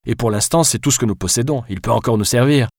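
A man's voice: medium pitch, fast talker, a little mellow, no echo, clean studio sound, lightly acted. A man voicing a frustrated, stubborn man on the run in an audiobook, talking in a grumbling, defensive way. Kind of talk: audiobook character voice.

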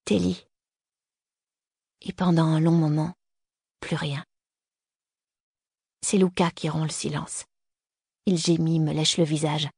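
A woman reads a first-person novel aloud in a low, gravelly voice with a husky edge. Her storytelling is tense and breathless, and the recording is dry and close. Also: level tone, unhurried, pauses often, darkish tone, no echo. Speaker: audiobook narrator.

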